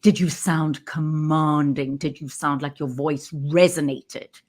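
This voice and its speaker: A woman who works as a communication coach, talking straight into her camera and stressing key words with pauses. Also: sits low, fairly even intonation, darkish tone. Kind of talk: direct-to-camera talk. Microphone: webcam.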